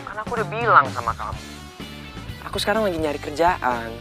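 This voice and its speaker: A man's voice: fairly high pitch, very animated, music in the background. A young actor with a Jakarta accent playing a blunt, hot-tempered male driver who talks in brash slang. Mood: calm. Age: young adult. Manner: quick to snap, brash slang.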